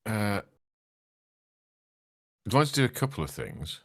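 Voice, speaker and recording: A man's voice: on the low side, sing-song, measured pace. A man speaking as a player in a tabletop role-playing game, wry and wordy, with old-fashioned turns of phrase. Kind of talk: in-character tabletop game chat.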